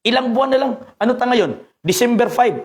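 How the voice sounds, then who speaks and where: A male pastor with a Filipino accent preaching a sermon, swinging between fervent peaks and quiet, low passages. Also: animated, fairly quick. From Philippines. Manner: preaching, mixing Cebuano and Tagalog with English scripture, rising to fervent peaks.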